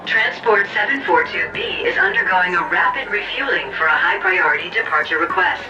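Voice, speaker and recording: A woman voicing a spaceport announcer in a video game, making formal announcements over a loudspeaker in a flat, commanding delivery. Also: on the low side, fairly quick, echoey room, far from the mic, lo-fi sound, music in the background. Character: stern female spaceport announcer issuing orders. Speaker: spaceport public address announcer.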